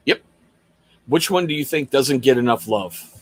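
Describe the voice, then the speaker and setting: A man's voice: medium pitch, lively intonation, moderate pace, no room sound. Upbeat man hosting a livestream. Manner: upbeat, reads viewer questions from chat. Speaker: host. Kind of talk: casual livestream interview.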